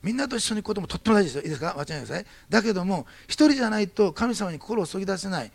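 Gravelly, lively pastor. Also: male voice, high voice, very fast. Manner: lively storytelling, acting out quoted dialogue. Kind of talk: sermon with anecdote and prayer.

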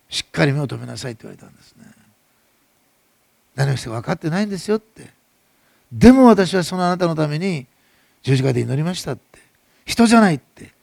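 A middle-aged male pastor with a Nagasaki dialect preaches with a high, gravelly voice at a quick pace. He swells to loud passages and then drops soft. The sound is dry and close. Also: no echo. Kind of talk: sermon.

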